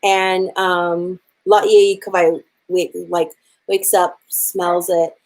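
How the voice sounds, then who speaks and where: A woman's voice: lowish voice, level tone, very slow, a little mellow, low-quality recording. A woman hula teacher telling a legend to her class in a chatty, casual way, with lots of fillers. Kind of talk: casual storytelling.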